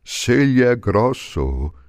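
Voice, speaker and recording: A man voicing a friendly male dolphin in a storybook reading, high and boastful. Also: big pitch swings, extremely slow, no echo, clean studio sound. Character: large talkative male dolphin, friendly and grand.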